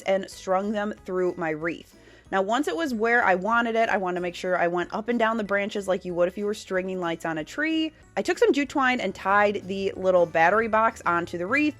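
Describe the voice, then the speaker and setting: Upbeat woman talking through a DIY craft. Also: medium pitch. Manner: upbeat, chatty how-to explaining. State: nasal from a cold. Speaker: DIY home decor creator. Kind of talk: casual DIY tutorial narration.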